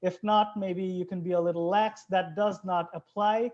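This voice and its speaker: An earnest biologist from Bangladesh explains things during an interview. The voice is mellow and warm in tone. The recording is dull and lo-fi. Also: medium pitch, steady tone, moderate pace. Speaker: biologist guest.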